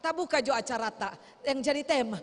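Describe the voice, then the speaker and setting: A woman's voice: sits high, a little fast. A woman preacher, exhorting and pleading with her congregation in a sermon. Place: church sanctuary. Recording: long church reverb.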